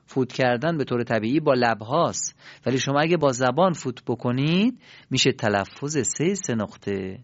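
A male teacher giving a pronunciation lesson, explaining calmly and drawing out syllables for learners to repeat back. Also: mid-range voice, no room sound. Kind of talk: pronunciation lesson with call-and-response drills. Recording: dry, dull lo-fi recording.

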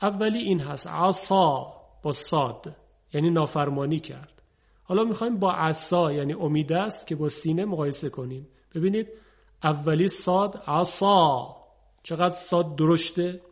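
A man teaching pronunciation in a broadcast lesson, patiently drawing out example words slowly for contrast. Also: fairly high pitch, dull audio.

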